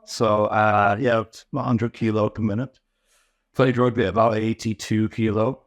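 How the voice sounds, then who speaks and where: A man from Newcastle, England, with a mixed northern English accent, appears as a podcast guest telling his story in relaxed, casual chat. His voice is lowish and his pace moderate, and he often restarts his sentences. There's no room sound.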